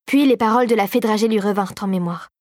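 A woman narrating a children's fantasy audiobook in a steady, clear storytelling voice. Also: mid-range voice, fast, no room sound, studio quality.

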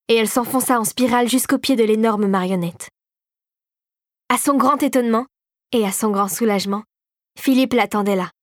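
A woman narrating a children's fantasy audiobook in a steady, clear storytelling voice. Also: on the high side, dry recording, studio quality.

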